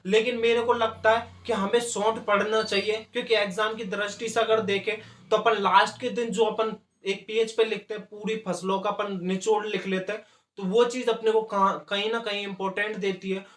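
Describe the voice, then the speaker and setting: A man teaching an agriculture exam class, dictating notes and repeating key terms slowly. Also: sits high, flat delivery, a bit bright, echoey room.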